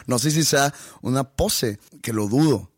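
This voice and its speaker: A man's voice: mid-range voice, slow pace, husky, dry recording, clean studio sound. A man chatting casually, teasing and challenging his co-host with crude slang. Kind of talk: casual chat.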